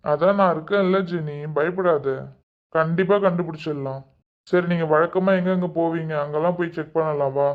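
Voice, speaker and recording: A woman voicing a calm, reassuring husband in a cartoon, patient and soothing. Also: low-pitched, moderate pace, close to an everyday voice. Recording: dull lo-fi audio.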